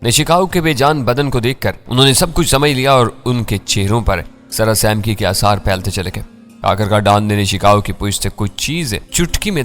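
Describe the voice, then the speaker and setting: A man reading a first-person thriller story in a measured, dramatic way. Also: medium pitch, fairly bright tone.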